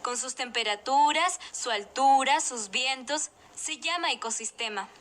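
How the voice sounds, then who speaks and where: A woman's voice: sits high, a little slow, a bit bright, a little hiss or hum. A woman playing a knowledgeable guide who explains nature to a child in a scripted educational video. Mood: patient, explanatory. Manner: explanatory, clearly phrased.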